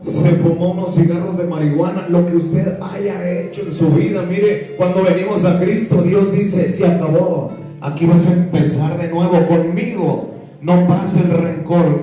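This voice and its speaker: Echoey Mexican preacher with a mellow voice. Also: male voice, high-pitched. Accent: Mexican Spanish. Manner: impassioned, sings hymn lines, acts out quoted voices. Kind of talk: sermon. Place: church hall. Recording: echoey church hall, mic at a distance, faint music.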